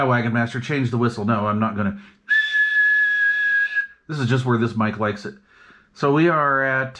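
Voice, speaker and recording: A hobbyist vlogger repairs radios at an indoor workbench, talking in a mid-range, fairly bright male voice. He's laid-back and slangy, thinking aloud and muttering to himself as he demonstrates the gear. The recording is clearly noisy, with clicks from the bench.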